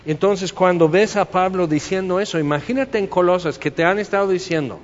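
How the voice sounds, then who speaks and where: A man's voice: high voice, a little fast. A man with a Mexican accent preaching a sermon as a pastor, talking conversationally and asking the congregation rhetorical questions. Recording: reverberant hall, slightly dull sound.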